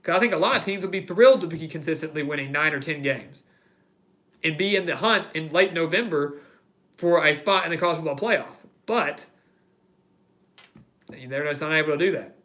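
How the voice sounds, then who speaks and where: Guy hosting a live sports chat, gets worked up and repeats himself, sharp bright tone. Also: fairly high pitch, moderate pace, long pauses. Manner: heated ranting, repeats phrases for emphasis. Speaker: host of a live sports show. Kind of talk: live-stream sports talk reading chat comments.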